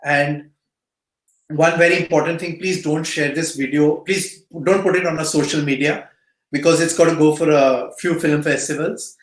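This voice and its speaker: A man's voice: on the high side, fairly even intonation, moderate pace. A middle-aged man with an Indian accent, speaking earnestly as an interview guest and repeating phrases for emphasis. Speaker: guest speaker, cancer patient support volunteer. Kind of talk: earnest interview answers and motivational advice to youth. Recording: roomy, echoing sound.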